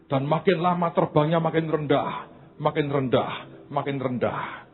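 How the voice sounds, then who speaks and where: A man preaching a sermon, telling a story playfully with asides to the congregation. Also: medium pitch. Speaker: pastor. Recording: tinny phone-like sound.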